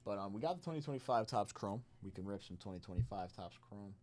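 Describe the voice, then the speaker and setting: A man with a fairly low voice hosts a live card-break stream. He talks casually and off the cuff, moving between chat with viewers and hype for the breaks and open spots. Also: animated, fast, a little mellow. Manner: off-the-cuff, chatting with viewers between spot counts.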